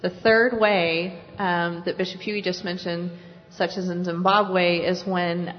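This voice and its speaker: A woman in a large hall gives a measured explanation during a panel Q&A. Her lowish voice carries a long reverb. The sound is dull and lo-fi. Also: flat delivery, faint music behind. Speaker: partner organization spokesperson. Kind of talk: panel Q&A answer.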